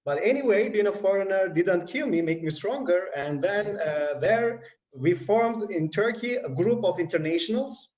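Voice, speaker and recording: A man's voice: high voice, expressive, moderate pace, darkish tone, echoey room, muffled recording. A man from North Macedonia, a guest on a live online panel, talking earnestly and rambling with many fillers. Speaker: guest, hackathon community manager.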